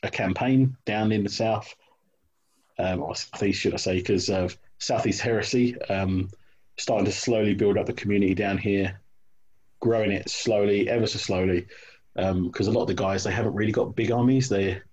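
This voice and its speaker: A man's voice: lowish voice, fairly even intonation, normal speed, darkish tone, a little hiss or hum. A man in casual chat about his hobby, hesitant, with many ums and restarts, on dull lo-fi call audio. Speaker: hobby wargamer guest.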